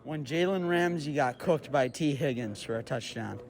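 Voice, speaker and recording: A teenage boy being interviewed, giving a relaxed, matter-of-fact sports opinion. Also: mid-range voice, normal speed.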